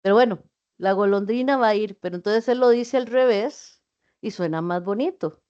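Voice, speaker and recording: A woman's voice: medium pitch, moderate pace, a little mellow, clear, resonant tone, lo-fi sound. A woman giving an online class lecture, patiently explaining with spoken examples. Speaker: teacher.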